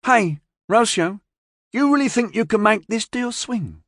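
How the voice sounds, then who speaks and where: A woman's voice: a little high, expressive, unhurried, dry recording, clean studio sound, pitched above the performer's own voice. A man putting on a blunt slangy young woman.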